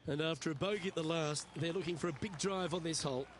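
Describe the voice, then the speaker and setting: Golf commentator, higher male voice, noisy outdoors backdrop, acted. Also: fast, lightly acted. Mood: composed, observant. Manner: clipped running updates on each shot. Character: male lead golf announcer calling each shot. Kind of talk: play-by-play sports commentary in a golf video game.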